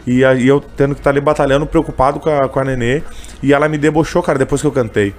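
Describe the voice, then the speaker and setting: A man's voice: medium pitch, fairly even intonation, fast. A man telling a personal story in a casual interview, emotional and full of fillers. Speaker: interviewee, candy seller who sings on trains.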